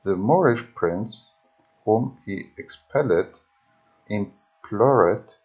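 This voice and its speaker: A man reading an old history book aloud, haltingly, often restarting words. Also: fairly low pitch, animated, highs cut off, soft background music. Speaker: reader. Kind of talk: slow audiobook reading of history.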